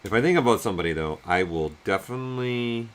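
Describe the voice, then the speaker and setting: A man's voice: fairly low pitch, expressive, quick pace. A man streaming his 3D sculpting work, muttering half-finished thoughts aloud as he works and answers chat.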